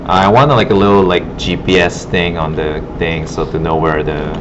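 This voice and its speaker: The speaker is an art instructor doing a relaxed classroom demo, his deep voice level in tone and moderate in pace as he thinks aloud informally while working. Sound quality is poor: muffled, noisy, and broken.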